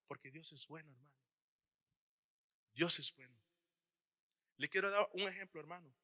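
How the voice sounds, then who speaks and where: High, bright-voiced man preaching a sermon. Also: normal speed, in a large hall. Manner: addresses listeners as "hermano", swings from loud to hushed.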